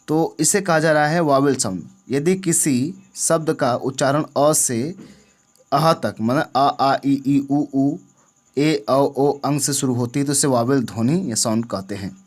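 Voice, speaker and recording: A man teaching an English grammar lesson, often asking the viewer questions and checking that they understand. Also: medium pitch. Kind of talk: classroom-style lesson.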